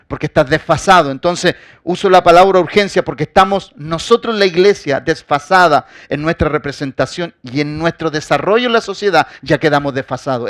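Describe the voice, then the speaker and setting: A man preaching a sermon, speaking straight to his congregation as their pastor. His voice sits fairly high for a man. He rises to loud, forceful emphasis and then drops into quiet asides, and the sound is dry and close. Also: no echo. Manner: addresses the congregation directly as beloved.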